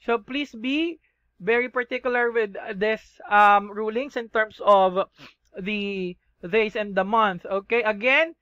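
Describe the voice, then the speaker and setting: A man's voice: sits high, sharp tone, dry recording, dull audio. A man with a Filipino accent teaching a shorthand lesson, spelling things out letter by letter and checking in with the class. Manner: slow, spells letters one by one, checks in with "okay?".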